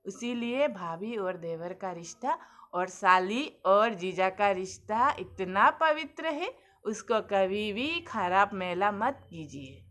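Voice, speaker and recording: A woman's voice: mid-range voice, fairly bright tone. Earnest woman giving homely advice. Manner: earnest, preachy, addresses viewers as friends. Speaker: vlogger. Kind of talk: casual advice monologue.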